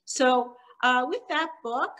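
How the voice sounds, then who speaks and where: A middle-aged woman from Montreal, a children's author, giving a talk from her living room over a laptop webcam, with frequent ums and pauses. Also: sits high, a bit bright, poor audio. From Canada (Montreal), born in Hungary. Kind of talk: presentation on a video call. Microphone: laptop webcam on a video call.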